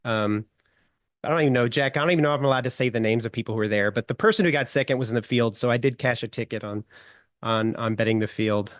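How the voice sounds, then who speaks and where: A middle-aged man, a guest writer, telling an anecdote in a casual, animated way, chuckling often and using many fillers. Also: mid-range voice, quick pace, no room sound, studio quality.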